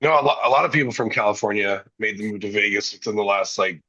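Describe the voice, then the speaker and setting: A man co-hosting a casual podcast, asking short questions and dropping quick acknowledgements. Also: lowish voice, bright, forceful tone. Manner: asks short questions, many brief acknowledgements. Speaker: podcast co-host. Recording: dull lo-fi sound.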